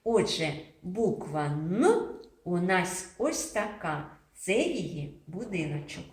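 A woman teaching young children a phonics lesson, slowly sounding out syllables and repeating words for them to copy. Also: on the low side, very animated. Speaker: preschool teacher. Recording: echoey room.

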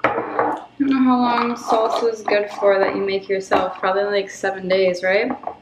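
A woman's voice: medium pitch, level tone, moderate pace, very noisy. A young woman in her twenties chatting casually to camera at home, rambling and self-deprecating with lots of ums and likes. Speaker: lifestyle vlogger. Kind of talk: casual vlog chat to camera. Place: at home, apartment.

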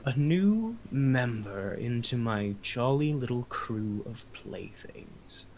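A man's voice: a little high, sing-song, noisy background. A man putting on a sly, whispering vampire lord. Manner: mocking, slow, dropping to whispers.

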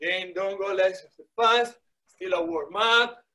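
A middle-aged soccer fitness coach leads a live workout, calling out short repeated commands mixed with encouragement. His high voice is bright and forceful, and he takes his time. A device mic a few metres away picks him up in a small wood-panelled indoor room.

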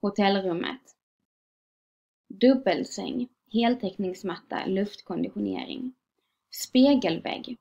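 A woman reading a short story aloud in a calm, measured way. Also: medium pitch, vocal fry. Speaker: reader. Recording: dull lo-fi recording.

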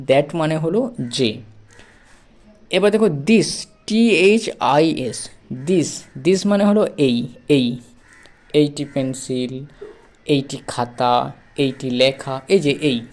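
A teacher with a mid-range, somewhat dark voice gives students a pronunciation lesson. They spell words out letter by letter, repeat each sound, and pose questions only to answer them themselves.

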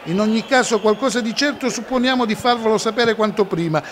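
A man's voice: high-pitched, a little fast, noisy background. A man narrating scripted sports news as a reporter.

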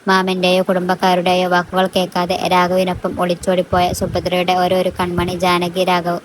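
A woman narrating a love story in an even, unhurried reading voice. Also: fairly low pitch, noisy background.

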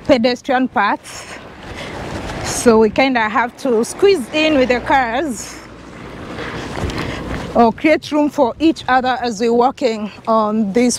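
A young woman from Kenya, speaking with a Kenyan accent, makes a walking travel vlog on a sunny residential street, chatting eagerly to an action camera at arm's length. Her voice is fairly high with a darkish tone, and there's slight background noise.

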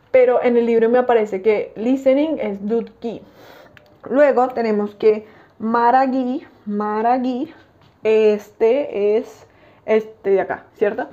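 A woman's voice: a little high, dark tone, dull audio. A young woman casually talking through her language study notes, often checking in with listeners. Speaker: language-learning vlogger.

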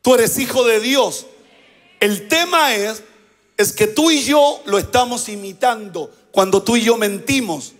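High-voiced man preaching in a reverberant hall. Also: animated, measured pace, faint music behind. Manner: preaching with call-and-response prompts to the congregation. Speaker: pastor. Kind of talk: sermon.

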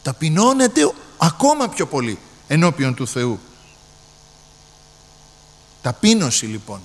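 A man's voice: fairly high pitch, wildly swooping pitch, big-room sound. A man preaching a sermon emphatically, repeating his phrases and often addressing the brethren.

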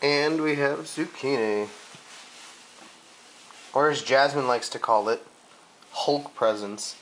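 A man's voice: medium pitch, slow pace, a bit bright, a little hiss or hum, poor audio. A man in his thirties vlogging casually with playful, joking banter, filmed on a handheld camera. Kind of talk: casual chat. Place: costume store and car. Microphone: handheld camera at arm's length.

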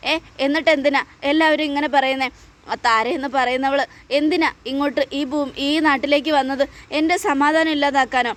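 A woman's voice: high-pitched, steady tone, brisk, voice pushed up, close to an everyday voice. A woman voicing a distraught young pregnant woman who insistently pleads with her mother for the truth. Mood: pleading, distraught.

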